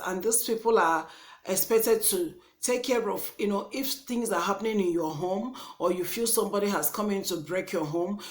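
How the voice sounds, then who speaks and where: Young Nigerian-accented woman, vlogger, earnest and indignant, frequent restarts, mid-pitched voice. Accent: Nigerian English. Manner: passionate, indignant. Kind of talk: impassioned vlog monologue.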